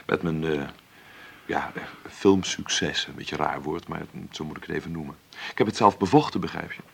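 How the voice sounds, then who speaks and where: A full character voice, bass, creaky, and breathy-edged, belongs to an actor playing a wry, stubborn, self-made film maker of 53, celebrated in his field. Stubborn and defiant in this radio play interview, he speaks haltingly and conversationally, tacking on tag questions.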